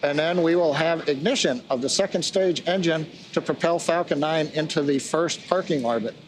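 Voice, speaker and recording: A man's voice: on the high side, normal speed, rough recording. A man hosting a launch webcast with explanatory, matter-of-fact technical commentary. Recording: faint background noise.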